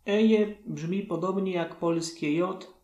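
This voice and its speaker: Slow, echoey man teaching pronunciation. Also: high voice, fairly even intonation, darkish tone. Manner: measured, explanatory, spells out examples. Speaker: language teacher. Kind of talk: scripted pronunciation lesson. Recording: roomy echo.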